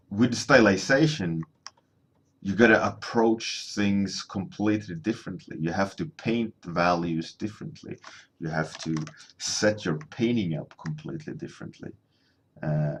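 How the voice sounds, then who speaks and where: A native Swedish speaker in his thirties chats casually during a painting livestream from his home studio, rambling and restarting sentences. His voice sits low with a slightly bright quality.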